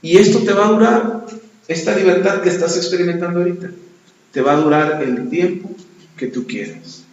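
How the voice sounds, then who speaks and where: A pastor preaching a sermon, retelling a story and acting out both sides of the dialogue. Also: male voice, high voice, moderate pace, darkish tone. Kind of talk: sermon with retold anecdote. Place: church. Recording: echoey church hall, dull lo-fi sound.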